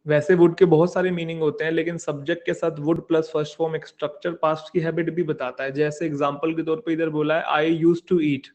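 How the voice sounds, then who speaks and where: A man's voice: fairly high pitch, flat delivery, brisk, hardly any pauses, darkish tone. A man with an Indian English accent giving an online exam-prep grammar lecture, explaining in Hindi and repeating key words back as questions.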